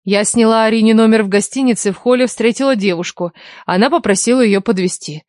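A woman's voice: fairly high pitch, fairly quick, darkish tone, no echo, studio quality, natural voice. A woman narrator voicing a flustered, respectable woman teacher who protests indignantly.

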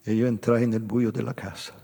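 An actor delivers a literary monologue as a theatrical first-person story, portraying a wistful, intense man looking back on an old love. His medium-pitched voice is flat, gravelly, warm and husky, slow and deliberate with pauses and occasional near whispers, while live plucked guitar plays in a reverberant hall.

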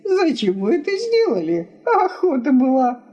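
A woman's voice: high-pitched, huge pitch swings, moderate pace, mellow, slightly rough, muffled recording, pitched above the performer's own voice, full character voice. A woman reading aloud, voicing a male houseguest who answers with mock sympathy and irony. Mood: ironic. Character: ironic gossipy male houseguest.

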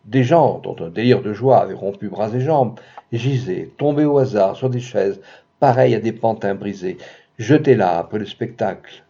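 Casting: dark, husky male storyteller, dramatic literary reading, expressive delivery, dull lo-fi sound. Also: fairly low pitch, normal speed.

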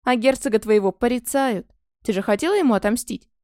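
A woman's voice: a little high, a little fast, a little mellow, no echo, studio quality, natural voice. A woman voicing a scheming young noblewoman in a storybook, pushy and insinuating. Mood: coaxing.

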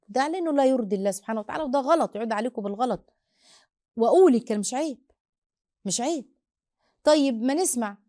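Egyptian woman counselor, motherly and quick-fire, fields listener questions in a very fast patter, close dry sound. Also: a little high, no echo. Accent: Egyptian Arabic. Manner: motherly, addresses the listener as daughter; rapid, animated storytelling with restarts. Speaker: host and family counselor. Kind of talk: answering listener questions on parenting.

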